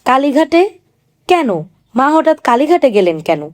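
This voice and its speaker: A woman's voice: high-pitched, sing-song, unhurried, voice pushed up. A woman voicing a sick, half-deaf young husband who petulantly keeps repeating his demands. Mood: frustrated, pleading.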